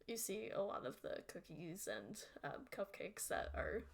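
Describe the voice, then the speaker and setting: A woman's voice: mid-range voice, big pitch swings, a little slow, vocal fry. A woman narrates a tabletop game as game master. She is chatty and giggles often, filling her descriptions with ums and likes.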